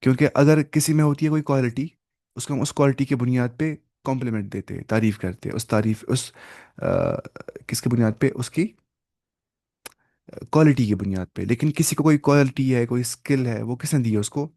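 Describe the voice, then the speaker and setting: Male teacher, patient step-by-step explainer who quizzes his class, warm mellow tone, dry close sound. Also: medium pitch, lively intonation, creaky, no echo. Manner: repeats key words and asks the class quick check questions; patient step-by-step explaining, mixing in English terms. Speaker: Arabic teacher. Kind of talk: online language lecture.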